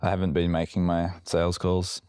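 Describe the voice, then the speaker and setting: A man's voice: completely flat delivery, fairly quick, darkish tone, no room sound, clean studio sound. A man co-hosting a casual podcast chat, rambling with fillers and restarts, a bit woozy from medication. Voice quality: very low, gravelly voice. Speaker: podcast co-host.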